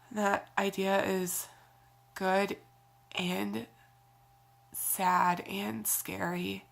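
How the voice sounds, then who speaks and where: A woman's voice: medium pitch, gravelly. Scratchy-voiced young woman with a cold. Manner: rambling, sighing, with frequent fillers. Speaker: vlogger. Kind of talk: casual vlog talk.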